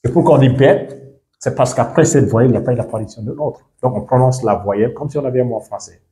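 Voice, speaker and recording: A man's voice: mid-range voice, fast, dark tone. Guinean man teaching English pronunciation. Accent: Guinean French. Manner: switches between English and French, checks understanding often. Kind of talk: bilingual pronunciation lesson.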